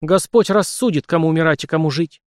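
A man's voice: on the high side, very animated, fast talker, darkish tone, dry recording, studio quality. A man voicing a nervous, pompous young nobleman in a storybook reading. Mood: indignant. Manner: stammering, pompous.

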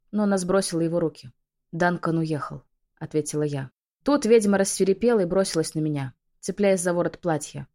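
A woman narrating a first-person audiobook with an emotional, expressive delivery. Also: on the low side.

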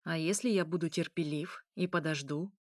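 Brief: quiet, restrained male vampire lover, read by a woman, close and dry. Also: deep voice, moderate pace, no echo. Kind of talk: audiobook character reading.

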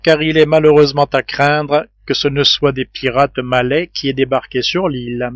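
A calm male engineer who leads the group, weighing each point in a measured way, voiced by a man reading aloud. The voice sits at a middling male pitch. It sounds close and dry, with slightly dull highs. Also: dry recording, lightly acted.

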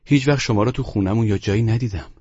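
A man's voice: on the low side, a little mellow, husky, muffled recording, voice pushed up. Man putting on a curious teenage girl. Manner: persistent, questioning. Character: inquisitive polite teenage girl.

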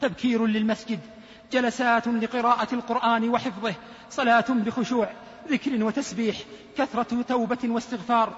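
A man giving a sermon, preaching slowly and emphatically, with rhetorical questions and a story told in the first person. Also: very high-pitched, little pitch movement. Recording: dull lo-fi sermon recording with long reverb.

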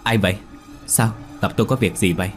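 A man's voice: lowish voice, fairly quick, soft background music, natural voice. A man voicing a frightened seventeen-year-old village girl who asks stammering, agitated questions.

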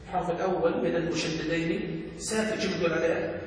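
A man's voice: a little high, steady tone, fast. A man teaching a grammar lesson as a sheikh, constantly checking his students with questions. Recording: echoey hall, distant mic, faint noise.

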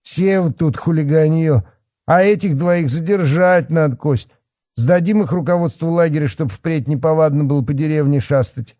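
A man voicing a fat, pompous rural policeman who sneers and shouts at teenagers. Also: fairly high pitch, moderate pace, no room sound, clean studio sound, voice pushed up, close to an everyday voice. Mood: furious. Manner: blustering, scornful, shouting.

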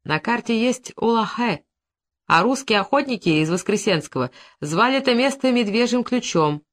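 A reader voicing a friendly local man explaining something in confidence, earnest and unhurried. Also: medium pitch, lively intonation, fairly bright tone, voice pushed up, lightly acted. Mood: confiding.

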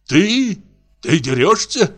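A man voicing a drunken, bewildered male comic actor, with a slurred, wailing, high strained voice. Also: sing-song, takes it slowly, soft background music, full character voice. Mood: astonished.

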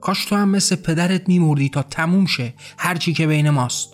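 A man's voice: on the high side, lightly acted. In an audiobook story, a cold and impatient mother snaps curt, scornful words, as a man reads her part. The delivery is short and cutting, with faint music underneath.

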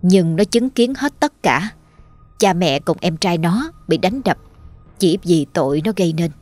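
A woman narrating a dark ghost story dramatically, voicing all the characters herself. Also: on the low side, expressive, measured pace, faint music behind.

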